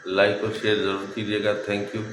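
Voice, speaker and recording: Pet vlogger, male, lowish voice, affectionate coaxing tone, recorded in an echoey home room. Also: monotone, normal speed, a bit bright, slight background noise. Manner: coaxing, affectionate talk to parrots. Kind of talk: casual vlog talking to pet birds. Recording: echoey room, faint background ambience.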